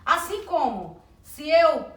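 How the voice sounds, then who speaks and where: Woman educator, high pitch, clear instructional delivery that spells out sounds slowly; roomy echo on the track. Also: sing-song, fairly bright tone. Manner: slow, deliberate sounding out of words and letters. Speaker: teacher trainer. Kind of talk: instructional lesson on early literacy. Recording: echoey room.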